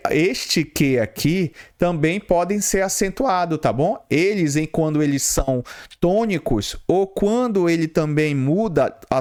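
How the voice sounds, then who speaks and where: A man's voice: a little high, darkish tone. A Brazilian Portuguese man teaching a grammar lesson for exam prep, explaining step by step and asking and answering his own questions.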